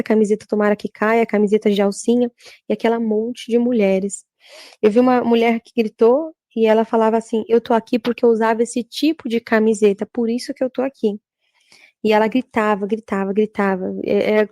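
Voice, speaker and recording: Halting woman giving testimony. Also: a little high, darkish tone, dry recording. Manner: halting, repetitive, frequent filler tags. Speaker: church worker giving testimony. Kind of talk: religious testimony.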